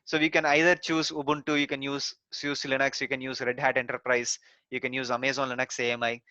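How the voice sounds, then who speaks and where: A man gives a screen-recorded technical lesson, explaining each step with frequent "so" and "uh" fillers. His voice is bright and forceful, recorded dry and close with a slightly dull, muffled tone. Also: mid-range voice, flat delivery, a little fast, no echo. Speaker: course instructor.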